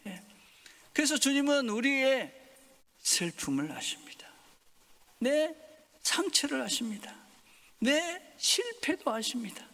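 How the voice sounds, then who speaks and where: A male pastor preaching a Sunday sermon, swinging from loud emphasis to soft whispers. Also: very high-pitched, sing-song, slow, pauses often. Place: church sanctuary. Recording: long hall reverb.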